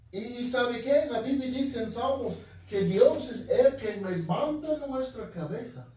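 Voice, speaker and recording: A man with a high voice preaching a sermon, earnest and direct, circling back over his own phrases. He is picked up from well away from the mic, and his words ring around a very reverberant room. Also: mellow. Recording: very echoey room, voice from far off.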